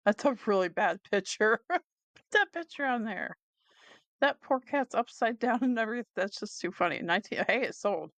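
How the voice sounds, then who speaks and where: A chatty woman vlogger with a gravelly edge to her voice talks casually through a reseller recap. She is easily amused and laughs often. The sound is close and dry, with no room around it. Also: medium pitch, a bit bright, dry recording. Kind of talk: casual screen-share commentary.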